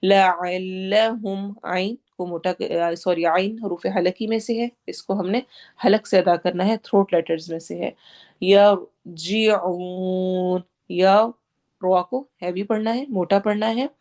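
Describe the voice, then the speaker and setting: A woman with a Pakistani Urdu accent teaching tajweed, going word by word and slowly drawing out each recited word. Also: medium pitch, warm tone. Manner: explains pronunciation patiently, drawing out recited words slowly; mixes English words into Urdu explanations.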